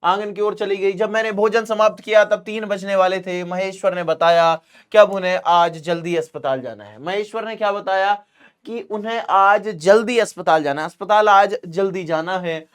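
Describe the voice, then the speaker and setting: A man teaches a Hindi literature chapter in a chatty, repetitive way, reading lines aloud, explaining them, and calling his students beta. His voice is high, smooth, and steady at a moderate pace, rising when he acts out quoted dialogue.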